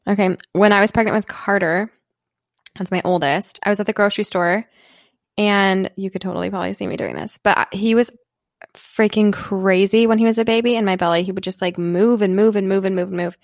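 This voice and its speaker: A woman co-hosting a casual podcast, an animated storyteller who acts out quotes and says "like" a lot. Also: mid-range voice, fairly quick, no echo, studio quality. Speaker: podcast co-host.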